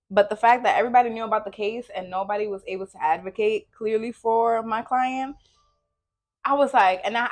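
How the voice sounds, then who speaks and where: A young woman co-hosting a podcast, chatting casually and telling stories with lively acted-out quotes. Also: a little high. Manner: animated storytelling, acts out her own quoted lines. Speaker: podcast co-host.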